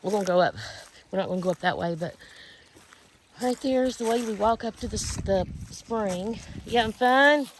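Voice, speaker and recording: A woman giving a casual, folksy walking vlog, talking to viewers in a halting, rambling way. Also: mid-range voice, a little mellow, poor audio. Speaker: vlogger and outdoor guide. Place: outdoors on a rural field and hollow trail. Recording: outdoor handheld recording with faint noise.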